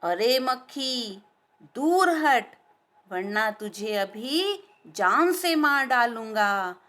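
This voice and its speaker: A grumpy, sleepy king of the jungle lion from a storybook, growling threats and then giving up wearily, as a woman storyteller puts him on. His lines are drawn out slowly and heavily. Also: on the high side, expressive, a bit bright. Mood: angry.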